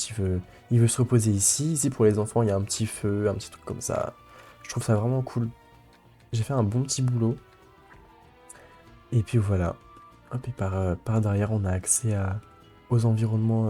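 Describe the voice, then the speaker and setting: A man's voice: medium pitch, warm tone. Rambling young man narrating gameplay. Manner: rambling, many fillers and restarts. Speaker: let's play host. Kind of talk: casual gameplay commentary.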